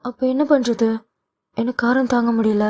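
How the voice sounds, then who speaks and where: A woman voicing an impulsive young wife in a romance audio novel, speaking higher and quicker than her narration. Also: fairly even intonation, dark tone, lightly acted. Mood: pleading. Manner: higher, quick, pleading delivery. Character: young wife, playful, impulsive, pleading when upset.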